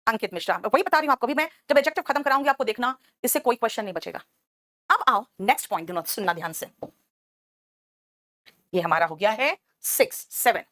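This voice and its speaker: Hindi-speaking woman teacher, high voice, very dry sound. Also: animated, quick pace, a bit bright, no echo. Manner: explains patiently, calls students by name and "beta", asks "right?" often. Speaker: English grammar teacher. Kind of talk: online class lesson.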